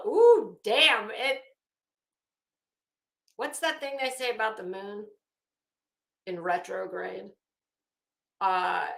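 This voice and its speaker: Speaking in a medium-pitched, creaky voice with a fairly bright tone, a livestream host chats casually with her viewers. She's gossipy, chuckles and makes coy asides. The space sounds roomy and full of echo.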